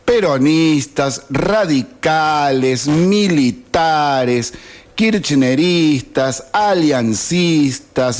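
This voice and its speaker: A man in his fifties with an Argentine accent, reading a sarcastic opinion editorial on radio. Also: a little high. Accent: Argentine Spanish. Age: 50s. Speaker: radio host. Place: radio studio.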